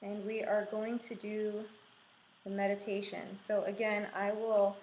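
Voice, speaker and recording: A woman in her thirties giving calm, unhurried, reassuring instructions as she demonstrates a craft. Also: mid-range voice. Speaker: art instructor leading a craft and meditation tutorial. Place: small room indoors with a window. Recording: echoey room, faint background noise.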